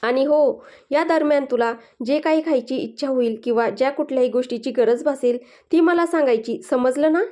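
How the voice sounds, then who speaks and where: A teasing, affectionate young husband in a storybook, fond and playful toward his wife. A woman reads him out in a high, light voice that rises above her narration. The lines come quick and bantering. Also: darkish tone, close to an everyday voice. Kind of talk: storybook dialogue reading.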